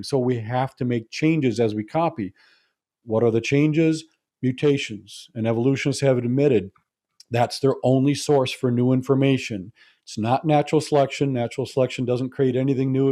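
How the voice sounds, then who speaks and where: A man's voice: medium pitch, mellow. A man giving a lecture to an audience, explaining his points in a conversational, humorous way. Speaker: speaker.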